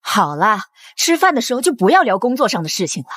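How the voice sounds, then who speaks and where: A woman's voice: fairly high pitch, very animated, fast talker, fairly bright tone, no room sound, studio quality. A woman playing a protective, bossy middle-aged mother-in-law in a drama, scolding sharply. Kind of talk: TV drama acting.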